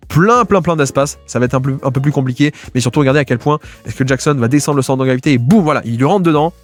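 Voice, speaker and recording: Fast-talking man breaking down game film. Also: medium pitch. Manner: fast, filler-heavy, restarts a lot. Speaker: basketball video analyst.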